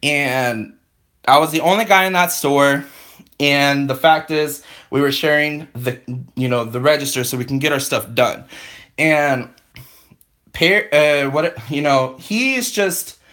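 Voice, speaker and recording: A man's voice: fairly high pitch, a little slow, a bit bright. A man on a couponing live stream, telling a long story in a rambling, exasperated way and circling back with "I'm like" and restarts.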